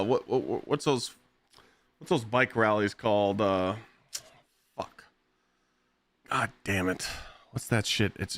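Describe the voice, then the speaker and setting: A man streaming live, telling blunt, profane stories in a casual, animated way. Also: medium pitch, no room sound. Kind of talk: casual storytelling while gaming.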